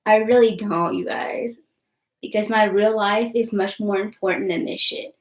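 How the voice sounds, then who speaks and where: A woman's voice: mid-range voice, steady tone, moderate pace, echoey room, rough recording. A young woman vlogger in casual live-stream chat, blunt and defiant, swearing freely and rambling with many likes and ums.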